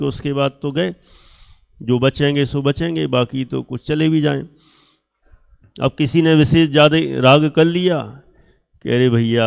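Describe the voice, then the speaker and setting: A man lectures to a room of students at a very unhurried pace, drawing out key words for emphasis. His voice is gravelly yet clear and resonant, pitched a little above the usual for a man. He puts questions to the class and voices the lines of the people in his examples. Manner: acts out quoted speech of others. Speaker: teacher.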